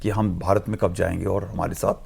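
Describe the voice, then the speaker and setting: A man's voice: deep voice, little pitch movement, brisk, creaky, darkish tone, breathy edge. A man speaking as a studio guest analyst in a discussion, explaining earnestly and emphatically, mixing English phrases into his talk.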